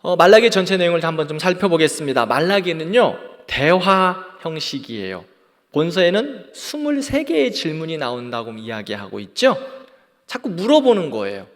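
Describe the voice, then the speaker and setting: Animated man teaching a church Bible class. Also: a little high, normal speed. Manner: leads group reading, acts out quoted retorts. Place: church hall. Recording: long hall reverb.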